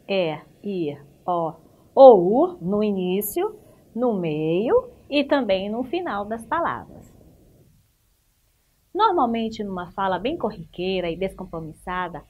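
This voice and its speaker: A woman with a Brazilian Portuguese accent, teaching a remote school lesson, explaining step by step, asking the class questions and praising answers. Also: mid-range voice.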